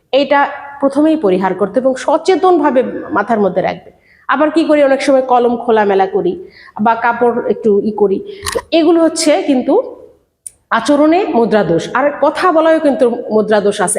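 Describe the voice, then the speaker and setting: High-voiced woman teaching in an echoey room. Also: a little mellow. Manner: patient, explanatory, addressing students directly; demonstrates pronunciation slowly, word by word. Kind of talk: online exam-prep lesson. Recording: echoey room with long reverb.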